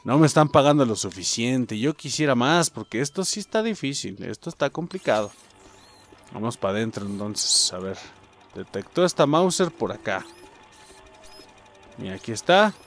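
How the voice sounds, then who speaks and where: A young adult man with a Mexican accent giving excitable gameplay commentary, swearing and yelping as he plays. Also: medium pitch, moderate pace, soft background music. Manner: excitable, swearing, yelps and shouts. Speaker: gaming youtuber.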